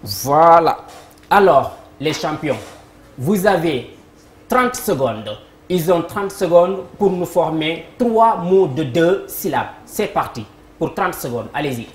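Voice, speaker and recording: Low-voiced woman hosting a quiz. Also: lively intonation, slow pace. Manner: upbeat announcer, cues applause and addresses viewers. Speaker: game show host. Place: TV studio. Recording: echoey studio with faint noise.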